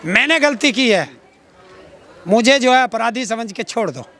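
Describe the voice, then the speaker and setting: This very high-pitched, animated man keeps a measured pace, his tone bright and forceful. He's a middle-aged farmer activist from Uttar Pradesh, India, giving an outspoken street interview full of sarcastic, combative rhetorical challenges. The outdoor public setting carries a faint crowd in the background.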